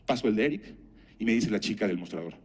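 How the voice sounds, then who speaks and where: A man's voice: on the low side, animated, fast talker, slightly rough. A man giving a conference talk, telling anecdotes and putting rhetorical questions to the audience. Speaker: speaker at a conference.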